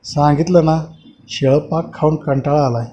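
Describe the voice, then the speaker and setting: A man's voice: fairly high pitch, steady tone, normal speed, warm tone, close to an everyday voice. A man voicing a hungry, cruel female ghost in a horror story, in a dull lo-fi recording with faint hiss. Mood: menacing.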